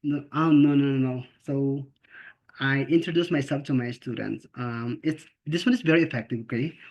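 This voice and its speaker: A Filipino man, not a native English speaker, talks at normal speed in a medium-pitched voice with a Filipino accent. As a special education teacher on a video call, he's earnest and informal, repeating and restarting words and often asking "okay?" and "right?" The lo-fi call audio sounds slightly dull.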